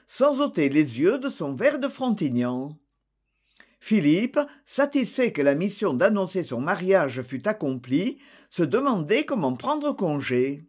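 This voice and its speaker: A narrator giving a slow, expressive reading of a literary novel. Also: medium pitch. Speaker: audiobook narrator.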